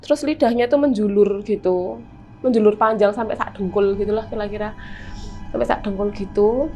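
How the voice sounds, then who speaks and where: Lively Javanese woman telling a spooky tale. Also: medium pitch, moderate pace, faint music behind. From Semarang, Central Java, Indonesia. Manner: animated, vivid retelling with many fillers. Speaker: guest telling a personal horror story. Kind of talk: casual storytelling chat.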